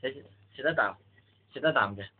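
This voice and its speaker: A man's voice: medium pitch, fast talker, heavy background noise. Man coaxing a toddler, tinny home video. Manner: coaxing, playful talk to a toddler. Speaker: family member filming at home. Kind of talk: casual home video chat. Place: family home indoors.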